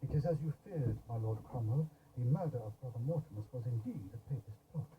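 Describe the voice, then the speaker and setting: A man's voice: mid-range voice, expressive, quick pace, slight background noise, lightly acted. A man playing an earnest, pedantic Tudor detective who speaks in a declamatory way. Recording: distant, dull sound.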